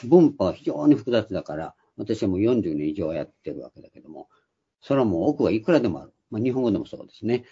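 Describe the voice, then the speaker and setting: A man's voice: fairly low pitch, very animated, quick pace, mellow, breathy edge. An older man giving a Bible study lecture, explaining patiently with frequent hesitant fillers, in a dull lo-fi recording. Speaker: Bible teacher.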